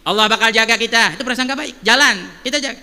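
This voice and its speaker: Guy preaching, high voice, lively storytelling w lots of rhetorical questions, echoey mosque. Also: fast. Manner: animated, many rhetorical questions. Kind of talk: sermon with storytelling. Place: mosque hall.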